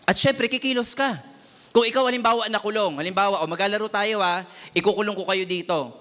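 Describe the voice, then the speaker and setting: A man preaches a lively sermon, moving freely between Tagalog and English. His voice sits a little high and rings bright and forceful, and he drops into other voices when he quotes people. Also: brisk.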